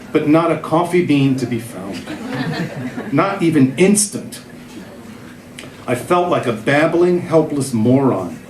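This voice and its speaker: In an echoey room at a literary festival, this middle-aged man, once a cartoonist and now a writer, wryly pokes fun at himself while reading his funny column. His voice is fairly high and darkish, with a little hiss or hum on the recording.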